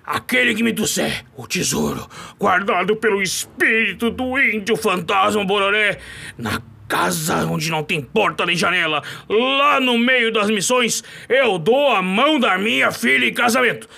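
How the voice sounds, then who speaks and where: A blustering old ranch boss. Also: male voice, sits high, lively intonation, measured pace, gravelly, exaggerated voice. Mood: proclaiming. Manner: blustering, shouting orders. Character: loud bossy older male ranch owner. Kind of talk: comedy sketch voice acting.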